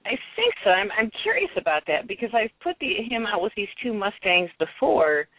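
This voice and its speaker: Radio show caller heard over the phone: halting, full of ums, mid pitch, dry and tinny line. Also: sing-song, no echo. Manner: hesitant, many ums and restarts. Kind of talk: casual phone-in chat.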